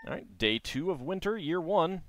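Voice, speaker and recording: Animated man doing casual gaming commentary. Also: fairly high pitch, moderate pace, slight background noise. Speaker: gaming video host. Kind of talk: casual let's play commentary. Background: game music.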